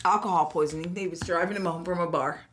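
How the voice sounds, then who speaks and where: A woman's voice: lowish voice, steady tone, quick pace, fairly bright tone, slight background noise. A woman co-hosting a casual podcast, playing a guessing game in a blunt, playful way and laughing often. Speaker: podcast co-host. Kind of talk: casual chat over a party game.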